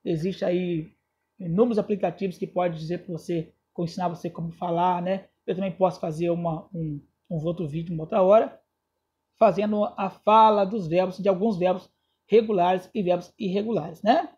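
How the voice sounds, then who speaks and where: Brazilian guy teaching english grammar, bit husky, dull muffled sound. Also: high-pitched, steady tone, moderate pace, a little mellow. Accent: Brazilian Portuguese. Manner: checks in with students often, spells out endings letter by letter. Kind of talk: recorded lesson explaining grammar.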